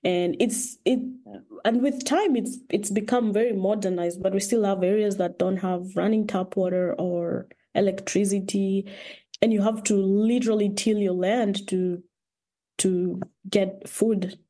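A woman's voice: medium pitch, fairly even intonation, a little slow, dark tone. A woman from Kenya, a guest in a conversational interview, talking thoughtfully with frequent restarts.

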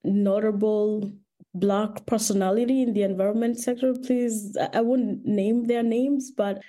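Woman, from Kenya, mellow tone, interview guest, thoughtful, restarts often. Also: mid-range voice, steady tone, measured pace. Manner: thoughtful, with frequent restarts and laughs. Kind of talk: conversational interview.

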